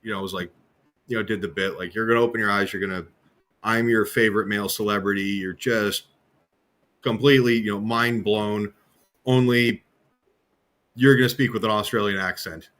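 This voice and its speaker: Low-voiced stammering hypnotist spinning anecdotes. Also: male voice, normal speed, long pauses. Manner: animated anecdote teller, stammering restarts. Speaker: stage hypnotist co-host. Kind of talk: casual storytelling chat. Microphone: online video call.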